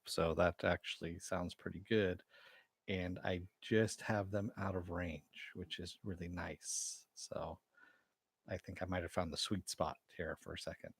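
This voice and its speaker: Using a headset mic and headphones at home, a man reviews a TV episode on a casual live stream, rambling with his viewers. His voice is low with a breathy edge, and the recording is dry.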